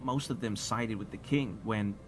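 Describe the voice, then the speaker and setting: A man's voice: fairly low pitch, moderate pace, close to an everyday voice. An actor playing a nervous, ashamed male assistant in a video game, speaking apologetically. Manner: apologetic, sheepish. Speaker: game character. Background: game music.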